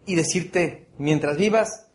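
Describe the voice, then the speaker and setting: High-voiced, earnest male motivational speaker. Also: slow pace. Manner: earnest, repeats phrases, asks the audience for agreement. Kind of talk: motivational speech to an audience.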